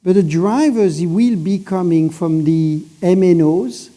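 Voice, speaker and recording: Dark-voiced man on a conference panel. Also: high voice. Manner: measured, emphatic, restarts phrases. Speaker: panelist, satellite operator executive. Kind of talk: industry panel discussion.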